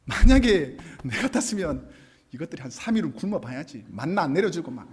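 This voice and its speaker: Animated husky-voiced Korean pastor. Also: male voice, a little high, brisk. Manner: animated storytelling, acting out quoted lines. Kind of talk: sermon.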